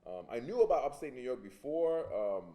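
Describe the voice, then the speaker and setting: A man born in Honduras and raised in Brooklyn, talking as an interview guest in a relaxed, hesitant way full of fillers. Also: medium pitch, brisk. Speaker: public artist, interview guest. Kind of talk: casual interview chat.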